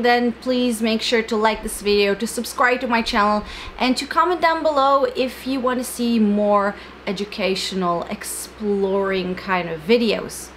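A young adult woman hosting an educational book video, speaking to camera with emphatic stress on key words. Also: a little high. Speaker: book channel host. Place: small indoor room with bookshelves. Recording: fan hum in the background. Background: electric fan noise.

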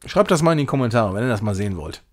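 A man with a fairly low, expressive voice talks very fast while hosting a game stream. He chats casually with viewers and rambles, thinking out loud as he plays.

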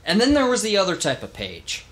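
Animated man telling history on a podcast. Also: high voice, a little fast. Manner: animated storyteller, swears freely. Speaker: podcast host. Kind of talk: casual history podcast chat.

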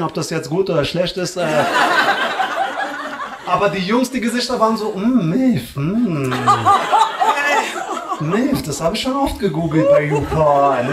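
A man doing live stand-up crowd work on a comedy club stage, teasing the audience in slangy street talk. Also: sits high. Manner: slangy and teasing, drops "Alter" and "Digga" constantly. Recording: echoey club room with loud hiss and clicks.

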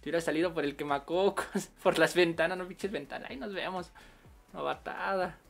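A man with a Mexican accent chatting casually on a game livestream, full of slang and quick laughs. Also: a little high, creaky, faint music behind. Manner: slangy, laughs often while storytelling. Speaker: game streamer.

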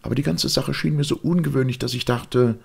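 A man's voice: mid-range voice, fairly even intonation, fairly quick, vocal fry, breathy edge, voice pushed up, full character voice. A man voicing an indignant elderly lady of the house who tells her story fretfully and scolds her maid.

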